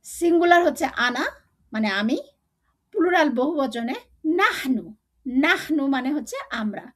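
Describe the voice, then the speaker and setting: Female teacher, high voice, patient drilling of vocabulary, lesson delivery. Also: expressive. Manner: slow drilling recitation, repeating words for learners. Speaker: Arabic teacher. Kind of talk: online language lesson.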